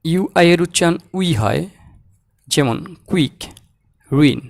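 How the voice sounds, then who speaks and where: Guy teaching pronunciation, kinda high voice, super dry close sound. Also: lively intonation, no room sound. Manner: repeats example words slowly and clearly. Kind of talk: slow, deliberate language lesson.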